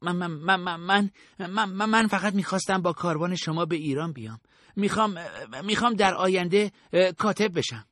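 A man's voice: high voice, fairly bright tone, no echo, studio quality, voice pushed up. A man doing a stammering frightened boy. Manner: stammering, pleading. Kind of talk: audiobook character voice.

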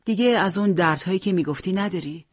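A troubled young son who cares for his family but evades questions about himself, as an audiobook reader voices him. The voice is slightly husky and recorded dry and close. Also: medium pitch, no echo, pitched above the performer's own voice, close to an everyday voice. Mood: caring. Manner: evasive, gently deflecting. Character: troubled, caring young man, elder son. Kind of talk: audiobook character reading.

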